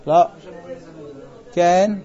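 A man's voice: high voice, steady tone, mellow, lo-fi sound. A man teaching a Talmud class, retelling stories with quoted dialogue and quizzing his students. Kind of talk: classroom lesson with storytelling.

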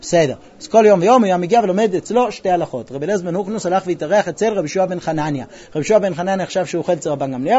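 Storytelling fills this Talmud lesson, where a male teacher acts out quoted dialogue and tests his students with questions. He has a high voice with a darkish tone, captured on a muffled recording.

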